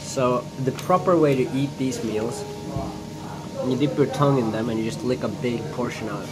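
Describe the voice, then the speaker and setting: Male vlogger, tipsy, rambling casual chat, loud music behind. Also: medium pitch, normal speed, low-quality recording. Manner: rambling, laughing, loses count. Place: fast food restaurant.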